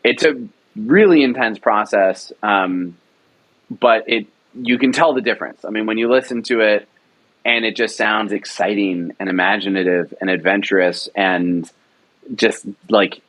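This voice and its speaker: A young man, writer and director of an audio drama, describes the project in a casual interview over poor audio. He speaks at a measured pace with a fairly low, slightly bright voice, rambling excitedly and using many fillers.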